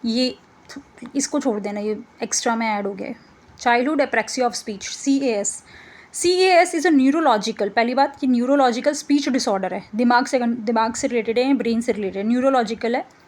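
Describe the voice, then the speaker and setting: A woman teacher with a high, light voice walks through exam-prep slides. Her tone is casual and explanatory. She slips English terms into her talk and keeps checking in with her students. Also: moderate pace, a little mellow.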